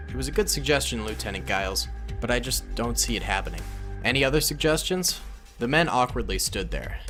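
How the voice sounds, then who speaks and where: A man with a lowish, slightly bright voice narrates a fan-made war story, voicing most of the characters, including several soldiers in dialogue, in cutscene style.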